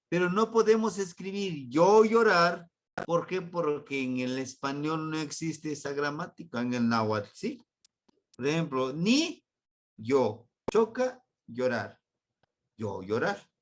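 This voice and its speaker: A man from Mexico teaching a Nahuatl grammar lesson online, slow and patient, repeating words for his students. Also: a little high.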